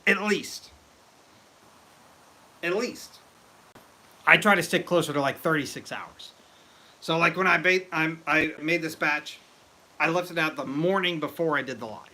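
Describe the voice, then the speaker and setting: An excitable man rambling through a casual brewing livestream, greeting viewers as he goes. His voice is very bright and sharp, and it sits a bit high for a man. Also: normal speed. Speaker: livestream host. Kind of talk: casual live-stream chat while brewing mead.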